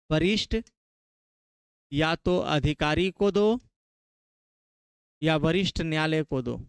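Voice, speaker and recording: Man with a Bihari Hindi accent, classroom lecture, high voice, dry close sound. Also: clean tone, no echo. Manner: asks the class questions and repeats key terms. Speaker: teacher.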